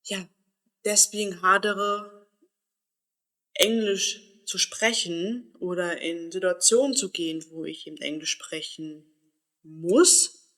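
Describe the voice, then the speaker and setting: A man from the Berlin area of Germany speaks candidly in a personal vlog, thinking aloud in a reflective monologue and searching for words. His voice sits high and sounds pushed and bright, and he takes it slowly.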